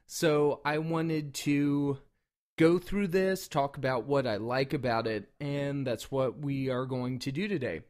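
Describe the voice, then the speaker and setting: Male reviewer, somewhat high voice, informal and loosely rambling, everyday hobbyist review delivery. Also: darkish tone. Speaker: product reviewer and call maker. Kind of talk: casual product review talk.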